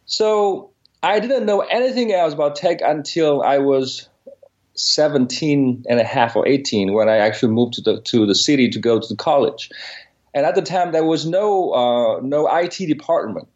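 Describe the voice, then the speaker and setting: A man's voice: mid-range voice, expressive, normal speed, darkish tone. Vietnamese guy in his 40s, earnest storyteller, repeats words a lot, kinda muffled audio. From northern Vietnam. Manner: earnest, repeats words while searching for them. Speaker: interview guest. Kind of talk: storytelling in an interview.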